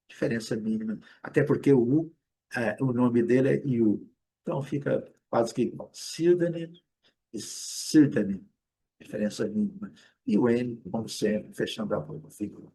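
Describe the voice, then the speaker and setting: A man with a Brazilian Portuguese accent explains English pronunciation to learners, patiently repeating each example word slowly and clearly. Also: mid-range voice, warm tone. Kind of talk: classroom explanation.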